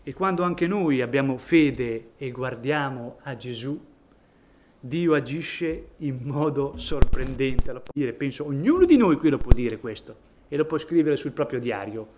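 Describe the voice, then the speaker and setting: A man's voice: medium pitch, sing-song, normal speed, a little mellow, a little hiss or hum. A man preaching a sermon in a church, reading scripture and rising to emphatic peaks on key phrases.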